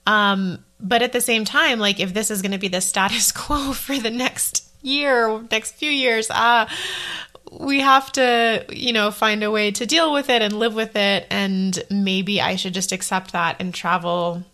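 A woman's voice: medium pitch, fairly even intonation, sharp tone. A woman in her thirties hosting a solo podcast, talking casually and rambling, often correcting herself as she goes. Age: 30s. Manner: chatty and rambling, quick self-corrections. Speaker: podcast host.

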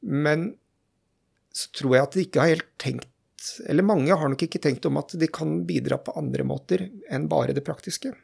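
A male doctor talks through his points slowly and thoughtfully, pausing often on fillers. His voice is heavily gravelly with a husky edge. It sounds like a relaxed podcast chat. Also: a little high. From Norway. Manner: thoughtful, hesitant with many fillers. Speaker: general practitioner guest. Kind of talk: casual podcast conversation.

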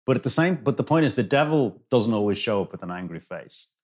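A man's voice: medium pitch, lively intonation, darkish tone. A man speaking as a guest in a conversational discussion, emphatic, repeating phrases and breaking off to restart. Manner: emphatic, repeats phrases, halting self-interruptions. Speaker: guest author.

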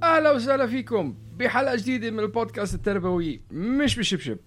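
A man in his thirties with a Levantine Arabic accent, hosting a casual podcast in an animated way, repeating phrases for emphasis. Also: sits high, fast talker, soft background music. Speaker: podcast host. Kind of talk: casual conversational podcast chat.

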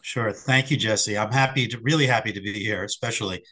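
A middle-aged sports psychologist from the Philadelphia area answers interview questions casually, his lowish voice hoarse after covid yet bright in tone. He's reflective and halting, hesitating with fillers and restarts.

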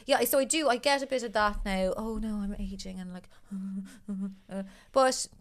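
A woman's voice: mid-range voice, a little slow. Woman, late 30s, stand-up comic, dry teasing co-host. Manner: dry teasing banter, laughs often. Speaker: comedian co-host. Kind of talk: casual comedic chat.

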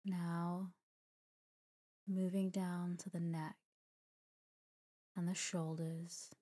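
With gentle pauses and an even, unhurried melody, a woman delivers a calm, soothing guided sleep meditation as a podcast host. The scripted narration is slow, and her voice is low, very mellow, soft and breathy, occasionally close to a whisper.

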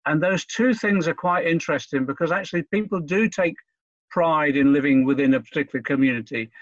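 A man from Liverpool, talking in a halting, earnest way as an interview guest, often repeating himself. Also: a little high, no echo, dull audio. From Liverpool, England. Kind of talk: conversational interview.

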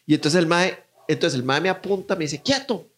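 A man's voice: a little high, fairly quick. A young man with a Costa Rican accent telling a story in casual chat, acting out voices as he goes.

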